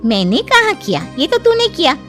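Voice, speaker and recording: A woman's voice: very high-pitched, wildly swooping pitch, normal speed, fairly bright tone, faint music behind, exaggerated voice. Woman voicing a gloating, cruel cartoon gossip. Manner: gloating, sly. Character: meddling female friend, cruel and gloating.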